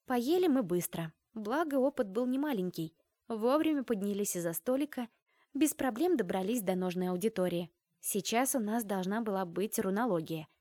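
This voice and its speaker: A woman's voice: medium pitch, warm tone, no room sound, clean studio sound. Wry woman reading an audiobook. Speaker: audiobook narrator. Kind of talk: first-person audiobook narration.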